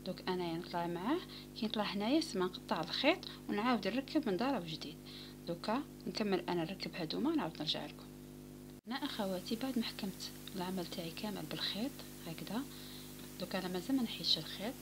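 A woman with an Algerian Arabic accent giving a calm step-by-step crochet tutorial, often dropping to a near whisper. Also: medium pitch, rapid-fire. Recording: home recording with clear background noise.

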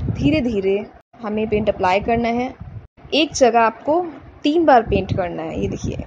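A woman's voice: on the high side, darkish tone, muffled recording, a little hiss or hum. A woman hosting a craft channel, giving a patient, step-by-step DIY voice-over and mixing English words into her Hindi.

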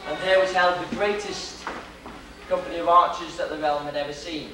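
With a fairly high pitch, fairly even intonation and a moderate pace, a young Welshman in a Welsh accent hams up a comic history lecture for his audience. The setting is a lecture hall with a projection screen, heard through a distant camera as echoey, noisy old footage.

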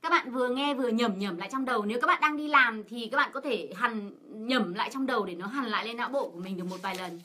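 A woman with a bright, slightly high voice interprets for the class. She keeps asking her listeners questions and fills her pauses with short sounds. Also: lively intonation. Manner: asks rhetorical questions of the class, with many fillers. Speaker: co-teacher and interpreter. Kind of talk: explaining a lesson in Vietnamese.

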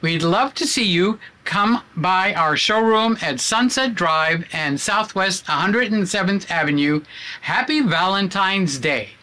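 Guy reading a bright cheery answering machine message, really spelling out each word. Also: high voice, animated, measured pace, exaggerated voice. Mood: cheerful. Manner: cheerful, overly clear articulation.

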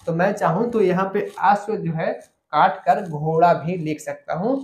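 A man teaches an online grammar lesson, explaining step by step, repeating key points, and asking his students questions. His voice is high-pitched and a little slow, recorded in an echoey room with slight background noise.

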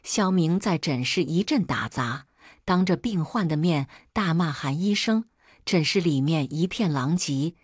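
A woman reading a dramatic first-person story in a steady, even way. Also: lowish voice, no room sound, clean studio sound. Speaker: story narrator.

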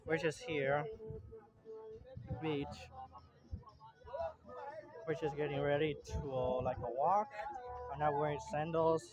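A man's voice: on the high side, flat delivery. A young man from Puerto Rico rambling casually as he films a beach vlog outdoors, holding his phone while he walks. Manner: rambling, unhurried, plain-spoken. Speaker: vlogger. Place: outdoor beach park, in and out of a tent. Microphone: phone held in hand while walking. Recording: dull lo-fi phone audio.

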